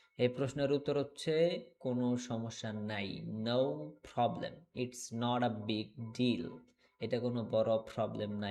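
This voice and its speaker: A man teaching an English class, speaking slowly, repeating words and often checking that his students understand. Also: mid-range voice, a little mellow. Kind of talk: online class lesson.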